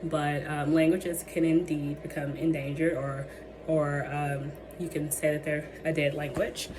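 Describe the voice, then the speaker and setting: A young adult woman with a deep, level voice delivers her capstone project presentation at an unhurried pace as she loses her voice. Hesitant, she fills it with ums and restarts, and the recording carries noisy background ambience.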